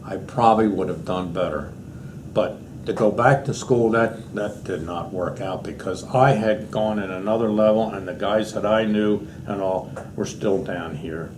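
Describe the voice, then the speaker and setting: Elderly American male war veteran, lowish voice, reminiscing anecdotally for an oral history; clearly noisy room recording. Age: 80s. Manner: old veteran remembering, rambling and anecdotal. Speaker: war veteran being interviewed.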